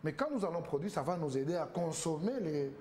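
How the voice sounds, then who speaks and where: A man speaks as a talk show guest, his voice pitched a little high. He argues emphatically, firing rhetorical questions and stacking repeated words, with a faint hiss behind him. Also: animated, brisk, a little mellow. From Congo. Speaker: political guest.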